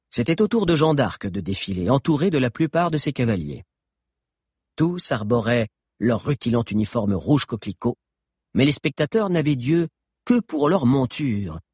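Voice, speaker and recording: A man telling a story in scripted audiobook narration, his voice husky and breathy. His pitch moves lively and expressively through the sentences. The recording is dry and close, with no room sound. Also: dry recording.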